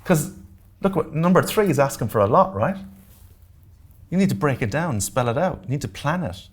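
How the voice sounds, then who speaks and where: A husky, animated male voice on the high side, at normal speed, leads a grants workshop before a live audience. He's Irish, with an Irish accent, and keeps things direct and practical, joking on the side and checking everyone's following. The setting is a community centre meeting room.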